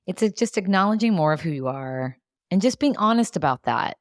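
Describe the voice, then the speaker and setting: A woman in her forties hosts a podcast and encourages her guest warmly. Her voice is notably low for a woman. The recording is dry and intimate, close to the mic. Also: animated, a little fast, no echo. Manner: warmly affirming, enthusiastic. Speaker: podcast host. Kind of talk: casual podcast conversation.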